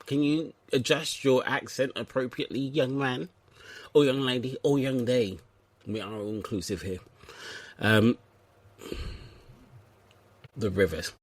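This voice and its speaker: A man from England hosts a comedic podcast, rambling through his chat in a playful, self-mocking way. His voice sits at an ordinary middle pitch. The recording is dry, with no room sound. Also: measured pace, long pauses, dry recording. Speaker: podcast host.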